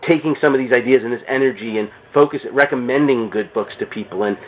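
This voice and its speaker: The audio is tinny, like a phone, with clear background noise, as a comic shop owner guesting on a podcast chats and tells stories. He speaks fast at medium pitch, rambling with enthusiasm and repeating words.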